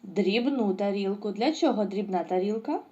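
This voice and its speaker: A woman's voice: medium pitch, normal speed, dark tone, highs cut off. A woman teaching a lesson to young children, asking questions and answering them herself with praise. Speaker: preschool teacher.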